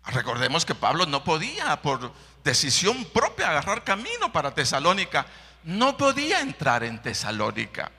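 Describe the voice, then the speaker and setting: A man preaching a sermon as pastor, with a Salvadoran accent, swinging between hushed whispers and loud, impassioned calls. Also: fairly high pitch, wildly swooping pitch, normal speed, slightly rough. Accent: Salvadoran Spanish. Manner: impassioned preaching, drops to whispers and rises to shouts. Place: church. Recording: echoey church hall reverb.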